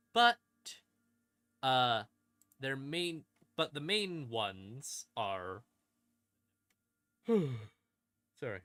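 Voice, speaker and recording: A man with a bright, forceful, medium-pitched voice streams an informal explanation of game lore, full of dry asides and dramatic emphasis. The recording is dry, with creepy ambient music behind his voice.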